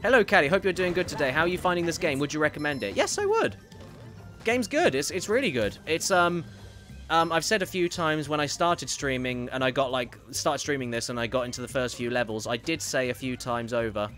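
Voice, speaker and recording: A man's voice: on the high side, animated, brisk, fairly bright tone, soft background music. A man streaming a video game, chatting casually and reading viewer messages aloud, rambling and correcting himself as he goes. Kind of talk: casual gameplay commentary.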